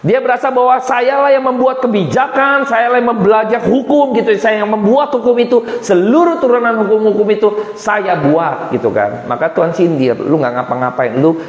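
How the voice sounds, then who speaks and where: A man preaching a sermon as an evangelist, casual and animated, slipping into slang. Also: sits high, moderate pace, few pauses. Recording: echoey hall reverb.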